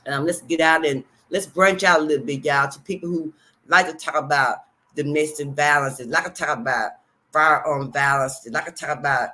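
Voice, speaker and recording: Over poor-quality audio, a woman with a low, bright, forceful voice talks at a normal speed to viewers of her channel's livestream. Her casual chat is rambling and repetitive, and she calls her audience "y'all."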